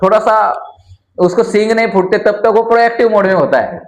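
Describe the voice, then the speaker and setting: A man with a high voice teaches a room full of students. He talks in a chatty, familiar way and keeps quizzing the class so they finish his points. The classroom is bare and echoey. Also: expressive, fairly quick. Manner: chatty, calls listeners "yaar". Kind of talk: classroom lecture.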